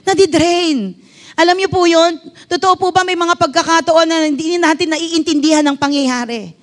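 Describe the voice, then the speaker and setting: Casting: middle-aged Filipino woman pastor, very high voice, fervent preaching style, keeps asking the congregation questions. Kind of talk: sermon.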